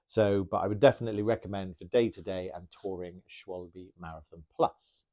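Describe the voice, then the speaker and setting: Low, mellow-voiced male bike mechanic. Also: fairly even intonation, normal speed. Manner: chatty, enthusiastic, rambling with restarts. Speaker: bike mechanic answering viewer questions. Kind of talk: casual Q&A talk.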